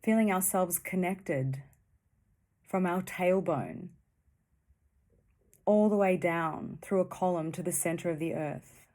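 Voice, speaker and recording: A woman guides a meditation in a gentle, soothing way, her voice on the low side. She speaks in short phrases separated by long pauses.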